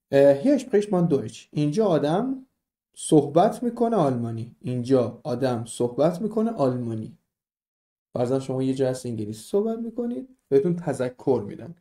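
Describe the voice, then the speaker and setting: A man's voice: fairly high pitch, mellow. A young man teaching a beginner German lesson in a casual way, explaining step by step and asking his students questions.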